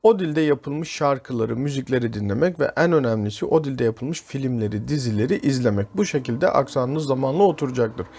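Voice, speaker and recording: A man's voice: mid-range voice, lively intonation, brisk, hardly any pauses, darkish tone. A man with a Turkish accent, an English teacher talking through a podcast lesson and addressing listeners as friends.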